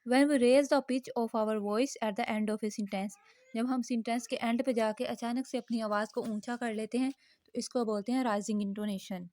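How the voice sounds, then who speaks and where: Slightly high-voiced woman teaching linguistics. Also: warm tone, no echo, clean studio sound. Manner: patient, repeats each point in Hindi and English; reads English example sentences slowly. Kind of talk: explanatory linguistics lesson.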